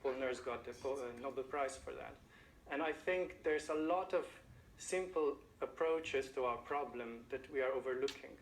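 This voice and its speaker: A man with a Slovenian accent answering interview questions as a scientist, in thoughtful, halting phrases. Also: mid-range voice. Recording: echoey space with ambient noise.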